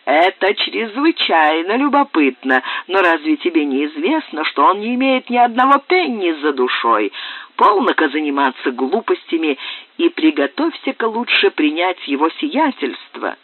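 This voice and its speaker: A man reading an audiobook, voicing a greedy, menacing father who means to sell his daughter, in a low, domineering tone. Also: sing-song, normal speed, no echo. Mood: scornful. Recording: dry, tinny phone-like sound.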